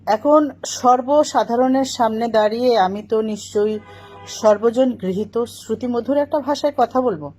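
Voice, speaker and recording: A woman's voice: a little high, moderate pace, mellow, faint music behind. A middle-aged woman talking to camera, correcting other people's pronunciation in a lecturing tone. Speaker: vlogger answering critics.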